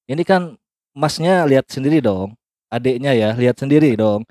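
A man's voice: mid-range voice, lively intonation, moderate pace, warm tone, no echo, clean studio sound, natural voice. A man improvising the role of a condescending, dismissive HR interviewer. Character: dismissive male HR interviewer at an oil company.

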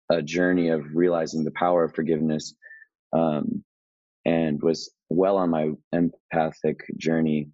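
A man with an extremely deep voice talks in a relaxed, slangy way, wandering through his story with fillers. The sound is dry and close, with a slightly dull, muffled tone. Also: no echo. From Hawaii. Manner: laid-back, slangy, rambling with fillers and laughs. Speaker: guest musician. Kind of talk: casual storytelling interview.

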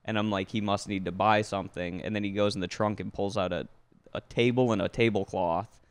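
A man's voice: on the low side, steady tone, a little fast, clean tone, dry recording. A man, a podcast guest, telling a rambling story in a laid-back, casual way, full of "like".

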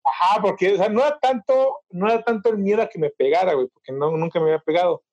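High-voiced young mexican guy, relaxed podcast banter, muffled lo-fi audio. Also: fast. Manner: relaxed, chimes in, laughs along. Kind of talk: casual chat. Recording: dull lo-fi recording.

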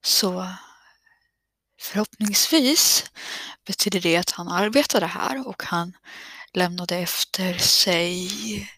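A woman gives a whispered narration of a horror game, nervous and stammering, often cursing softly to herself. Her voice is husky and breathy, and the sound is dry and close. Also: fairly low pitch, no echo.

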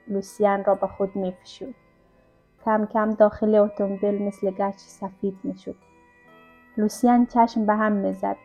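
Female audiobook narrator, warm low-key tone, calm literary reading on a muffled recording. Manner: calm, even storytelling. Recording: dull lo-fi recording with faint music.

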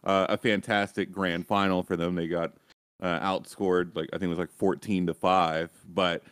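A man's voice: sits low, little pitch movement, normal speed, a bit bright, clear, resonant tone, dry recording. A man on an esports panel, talking casually and thinking aloud with many hedges.

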